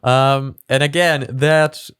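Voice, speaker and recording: A man's voice: medium pitch, fairly even intonation, slow pace, fairly bright tone, clear, resonant tone, no echo, clean studio sound. A man hosting a reaction video, talking casually in a chatty, rambling way with many fillers.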